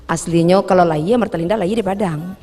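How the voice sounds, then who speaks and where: A woman's voice: fairly low pitch, fast, mellow. A woman singer from West Sumatra with a Minangkabau accent, chatting and laughing easily as a talk show guest. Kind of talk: casual interview chat.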